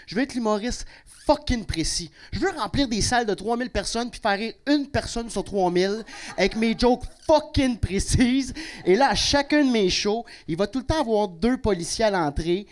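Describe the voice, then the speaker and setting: A young Québécois man doing a stand-up comedy set. He is brash and profane and breaks into sudden loud outbursts. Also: high-pitched, animated, a little fast, hardly any pauses. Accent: Québécois French. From Quebec. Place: comedy club stage with a live audience.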